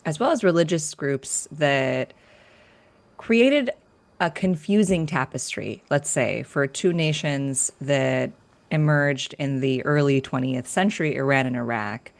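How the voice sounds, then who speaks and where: A woman from Northern California, a guest author in an interview, explaining her research in a clear, structured way. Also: extremely low pitch, unhurried. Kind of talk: academic interview.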